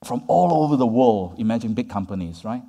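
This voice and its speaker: In a large conference hall with long reverb, a man lectures in a warm, medium-pitched voice, animated and brisk. He chats with the audience more than he speaks at them, tacking "right?" and "yeah?" onto his points.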